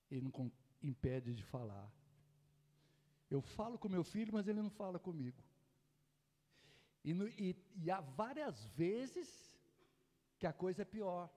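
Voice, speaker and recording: A man preaching a sermon in a church, shifting from soft asides to loud, impassioned exhortation. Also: high voice. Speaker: pastor. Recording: echoey church hall.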